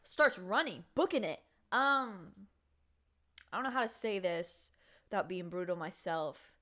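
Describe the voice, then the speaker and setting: A woman's voice: fairly low pitch, unhurried. A woman talking casually to her camera in a chatty, slangy spoiler review of a book. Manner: chatty, slangy, animated storytelling. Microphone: camera mic.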